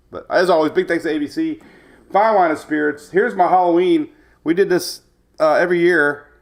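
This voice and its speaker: Greeting viewers on a casual live weather stream, a man chats, rambles, and jokes, his medium-pitched voice sounding slightly stuffed up with a cold.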